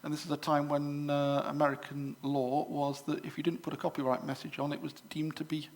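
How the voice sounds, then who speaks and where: A middle-aged English man giving a live demonstration to a club audience, chatty and full of fillers and quick self-corrections. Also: a little high, level tone. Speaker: presenter at a computer club show. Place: exhibition room at a club show.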